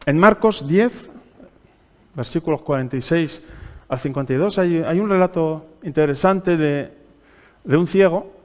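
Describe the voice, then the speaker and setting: A man's voice: on the high side, a little slow, pauses often. A man with a Spanish accent preaching a sermon, reading scripture aloud and quizzing the congregation with questions. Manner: teaching by asking the congregation questions; reads scripture aloud, raising his voice for quoted pleas. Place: church hall. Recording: long church-hall reverb.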